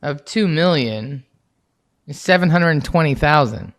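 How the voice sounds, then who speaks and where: A woman co-hosting a podcast in casual chat, lively and quick with swearing quips. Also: low voice. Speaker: podcast co-host.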